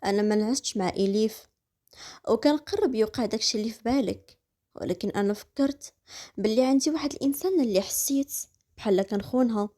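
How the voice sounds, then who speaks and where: A woman with a Moroccan accent voicing a furious, jealous young husband, angry and accusing. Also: warm tone. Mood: defensive. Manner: angry, accusing, lower-pitched.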